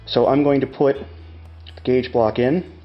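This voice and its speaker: A man's voice: mid-range voice, fairly even intonation, unhurried, faint music behind. Plain-spoken machinist guy, slightly muffled audio. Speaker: tutorial host demonstrating measuring tools. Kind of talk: casual hands-on instructional explanation.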